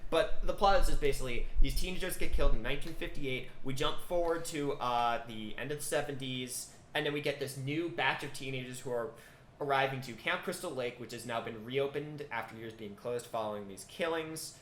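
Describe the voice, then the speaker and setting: A man's voice: mid-range voice, fairly bright tone. A man co-hosting a podcast, chatting casually and enthusiastically about horror films, with lots of filler words. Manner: enthusiastic, quick, many fillers. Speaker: podcast co-host. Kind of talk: casual film discussion. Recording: echoey room with faint noise.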